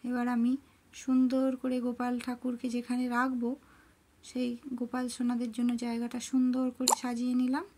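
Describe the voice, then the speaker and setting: A middle-aged woman narrating her cooking and home worship step by step in a soft, homely way. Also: a little high, monotone, normal speed, slight background noise. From rural Bengal. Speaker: cooking and devotional vlogger.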